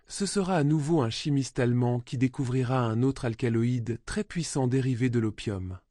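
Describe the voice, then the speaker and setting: A man narrating a scripted radio story in a soft, intimate manner, addressing the listener directly. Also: mid-range voice, no room sound, clean studio sound.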